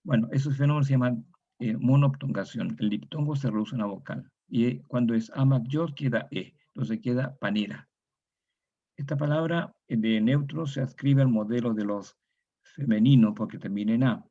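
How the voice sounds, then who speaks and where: A Chilean man delivers a methodical lecture in a dark, husky voice with a gravelly edge. He repeats each example word and adds tag questions as he goes. The recording sounds dull and lo-fi. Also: mid-range voice, moderate pace. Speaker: university lecturer.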